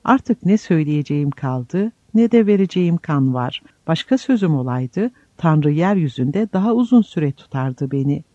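A male narrator voices a serene old friar on his deathbed, tender and solemn, his tone raised a little above the narration. The voice is mellow and warm, and the recording is dry, dull and slightly lo-fi. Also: fairly high pitch, animated, normal speed, few pauses, no room sound. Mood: tender farewell. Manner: soft, solemn farewells.

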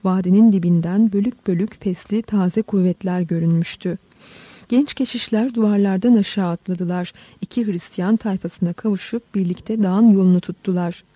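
A woman narrating a historical story in a measured, dramatic reading. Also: medium pitch, fairly even intonation, dark tone, husky, no room sound, dull audio. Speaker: audiobook narrator.

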